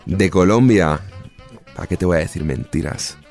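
A Spanish man in his thirties, an actor, answers interview questions in a relaxed, talkative way and often restarts his sentences. His voice sits low and sounds animated and somewhat dark, at a moderate pace. Soft music plays in the background.

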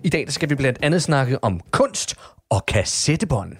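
A man hosting a satirical radio show, announcing in a slow, pompous, mock-formal way. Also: mid-range voice, big pitch swings.

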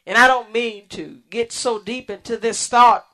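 A woman hosting a radio ministry program, preaching in a slow, earnest way with pauses and restarts. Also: fairly high pitch, fairly bright tone. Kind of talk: sermon.

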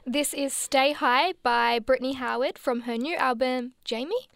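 A woman's voice: high voice, moderate pace, gravelly, fairly bright tone, dry recording. A woman hosting a radio show from a studio, explaining news earnestly with a bit of light teasing. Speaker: radio host.

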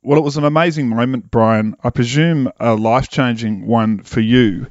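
A man's voice: medium pitch, normal speed, dry recording, muffled recording. A man hosting a podcast, asking conversational interview questions. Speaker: podcast host.

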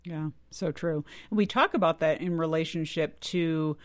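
A man's voice: fairly high pitch, moderate pace, no echo. A male podcast host with a slightly raised voice gives upbeat, affirming remarks to his guests. His voice is recorded dry and close to the mic. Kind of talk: podcast hosting.

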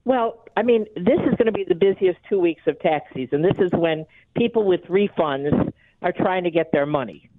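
A woman's voice: fairly low pitch, moderate pace, no echo. A wide awake, alert woman explaining things as an expert guest in a live radio phone interview. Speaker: guest tax preparer, company chief executive. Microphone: telephone. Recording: narrow tinny phone line.

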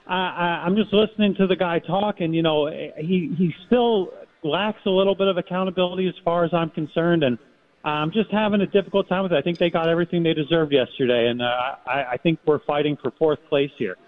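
Guy calling in to a radio show, thin tinny phone sound, voice a little on the high side, halting, lots of "you know". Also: steady tone. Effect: heard over a phone line. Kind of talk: casual call-in opinion. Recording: tinny phone-line audio.

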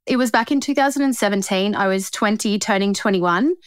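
Woman, twenties, Australian accent, medium pitch, chatty slangy storyteller, podcast guest, dry sound. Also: brisk, clean tone, dry recording. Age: 20s. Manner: slangy, chatty, quotes conversations. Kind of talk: casual personal storytelling.

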